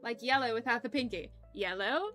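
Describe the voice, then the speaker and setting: A young woman on a stream chats casually with her viewers and live chat, rambling, giggling and often tripping over her words. Her voice is on the high side, a bit bright and a little fast, with faint music behind her.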